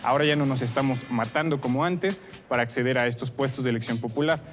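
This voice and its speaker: A man's voice: mid-range voice, fast, soft background music. Earnest young Mexican man debating. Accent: Mexican Spanish. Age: 20s. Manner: earnest, with frequent restarts and hesitations. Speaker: university debate student. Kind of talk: debate argument.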